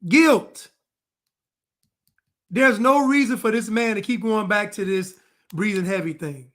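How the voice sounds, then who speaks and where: This true crime commentator, a man with a high, somewhat bright voice, talks to his audience at an unhurried pace while analyzing a clip. He's emphatic and returns again and again to sharp rhetorical questions.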